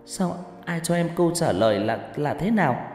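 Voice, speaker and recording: A man's voice: fairly high pitch, animated, moderate pace, a little mellow, voice pushed up. A man voicing a younger woman who sobs and pleads urgently with her friend. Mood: sobbing. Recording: echoey reverberant room, faint music.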